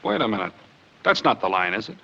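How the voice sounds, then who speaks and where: An actor playing a wry, easygoing theatre director and husband, from a 1940s film soundtrack. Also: male voice, fairly low pitch, very animated, quick pace, creaky, pushed and bright, exaggerated voice. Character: theatre director and husband, young adult man. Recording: dull 1940s film soundtrack with faint hiss.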